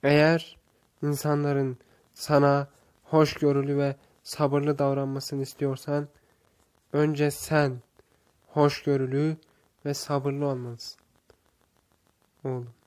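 Slow, measured male storyteller. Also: fairly high pitch, little pitch movement, a little mellow. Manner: slow, measured storytelling with raised, called-out quoted lines. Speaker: narrator. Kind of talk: scripted narration of a religious story.

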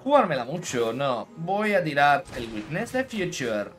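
A man giving live gameplay commentary as a streamer, animated, taunting his opponent and dropping in English phrases. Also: on the high side, a little slow, soft background music.

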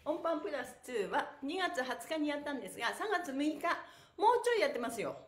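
In an echoey bare room, a middle-aged woman leads a stretching livestream, encouraging and playful with frequent laughing exclamations. She talks fast in a high, effusive voice that swings widely in pitch.

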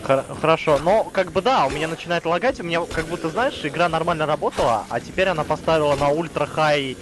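A young man with a slightly high voice chats casually while gaming. He rambles, jokes and repeats words, with music clearly playing behind him. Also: fast. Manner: rambling, joking, repeats himself. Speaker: gamer in co-op let's play.

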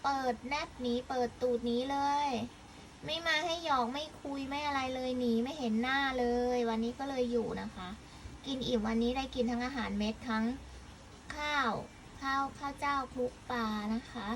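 A woman's voice: high voice, fairly even intonation, moderate pace, a little hiss or hum, rough recording. A woman chatting casually and playfully, coaxing a cat with short repeated phrases. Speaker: cat vlogger talking to a stray cat and viewers. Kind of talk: casual pet chat, cooing questions to a cat.

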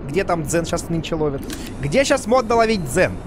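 A man in his thirties doing casual live game commentary, joking and swearing as he reacts out loud. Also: fairly high pitch, big pitch swings, moderate pace, background noise. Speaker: game streamer. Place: indoor room, streaming setup. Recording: music and game sounds behind. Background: game music and effects.

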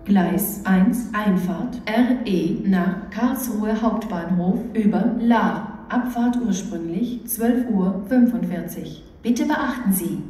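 A woman reading flat, scripted railway platform announcements in measured, separate phrases as a station announcer. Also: medium pitch, a little hiss or hum, poor audio.

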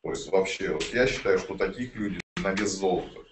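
A man's voice: low-pitched, fairly quick. A man chatting casually to viewers and reading messages aloud, blunt and given to swearing. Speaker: promoter of an online investment project. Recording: roomy, distant mic, light background noise.

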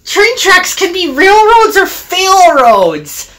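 Woman putting on shrill teasing freight trucks. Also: very animated, slow, heavily acted. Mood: teasing, rowdy. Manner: high, shouty, sing-song taunting. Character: mischievous giggling freight trucks, rowdy and teasing.

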